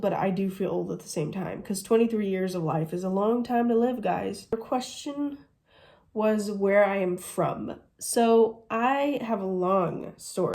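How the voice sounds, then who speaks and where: This American vlogger, a woman in her twenties, has a mellow voice pitched in the middle range. Chatty and gushing, she works through a casual Q&A vlog and leans on the word "literally" often.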